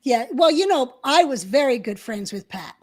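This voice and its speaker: A woman's voice: high-pitched, lively intonation, normal speed, a little mellow. An older woman co-hosting a live-stream chat, telling stories from her past in a chatty way with plenty of fillers. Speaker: co-host.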